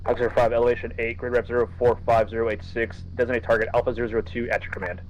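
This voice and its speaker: Guy on a muffled oxygen mask radio, fast clipped pilot calls, dull lo-fi sound. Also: mid-range voice, level tone, slight background noise. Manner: terse, rapid, by-the-book brevity. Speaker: attack pilot in a military game.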